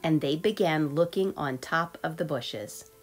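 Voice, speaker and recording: Over soft background music, a woman with a low voice reads a picture book aloud to young children. Her phrasing is measured and expressive.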